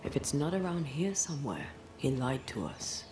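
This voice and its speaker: An actor playing a wry, observant ghost-hunting companion in a video game, speaking dryly and deliberately. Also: male voice, mid-range voice, big pitch swings, noisy background, natural voice. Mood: wry, deducing. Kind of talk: dramatic video game acting.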